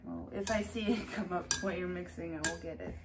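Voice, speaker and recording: A woman's voice: fairly low pitch, steady tone, fairly quick, heavy background noise. A woman hosting a casual home cooking tutorial, chatty and instructive as she guides a helper step by step. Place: home kitchen. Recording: kitchen clatter of dishes and utensils. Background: clinking dishes and cutlery.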